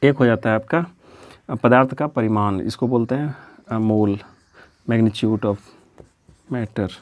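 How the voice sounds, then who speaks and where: A man's voice: fairly low pitch, takes it slowly. Man teaching, repeating key terms. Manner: repeats key terms, asks questions and answers them himself; steady, explanatory, drills terms. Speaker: physics teacher. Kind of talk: classroom-style lecture.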